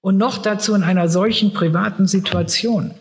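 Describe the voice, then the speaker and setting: A man's voice: high-pitched, steady tone, normal speed, voice pushed up. A man reading aloud as a sly blond police officer who coolly pressures a woman. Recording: reverberant hall.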